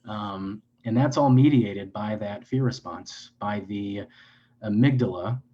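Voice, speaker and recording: A man's voice: lowish voice, measured pace, lo-fi sound. A man speaking as a clinician guest in an interview, explaining in an earnest, lecturing way with frequent restarts and self-corrections.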